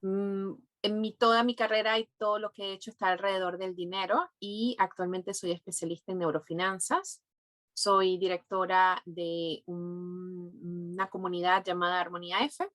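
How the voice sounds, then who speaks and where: A woman from Venezuela with a Venezuelan Spanish accent, a podcast guest explaining neurofinance in a thoughtful way with pauses and fillers. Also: fairly low pitch, level tone, a bit bright, no echo. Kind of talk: podcast interview.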